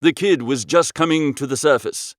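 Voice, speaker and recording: A man narrates a comic first-person literary story as an audiobook, telling it in a droll, expressive manner. His voice is on the high side at a moderate pace, recorded dry with studio quality.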